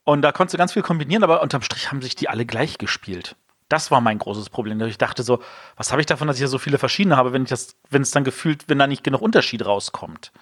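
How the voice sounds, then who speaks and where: A man's voice: medium pitch, lively intonation, fast talker, a bit bright, dry recording. Chatty man with a dry sound. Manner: rambling, many fillers and restarts. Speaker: board game podcast co-host. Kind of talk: casual game review chat.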